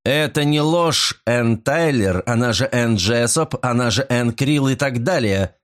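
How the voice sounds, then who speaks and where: A man's voice: medium pitch, very animated, moderate pace, voice pushed up, close to an everyday voice. A man voicing a stern male detective who speaks in clipped, emphatic sentences in an audiobook.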